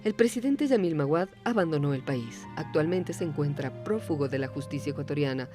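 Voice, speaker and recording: A woman narrates a documentary. She delivers figures and facts in a measured, even way, with clear music playing behind her. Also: sits low.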